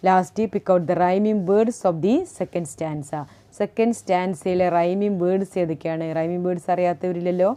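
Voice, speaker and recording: A woman teacher with a Malayali accent talks through a poem in a lesson. She reads each line slowly and then explains it, asking questions and answering them herself. Her voice is low, mellow and unhurried. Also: steady tone, smooth.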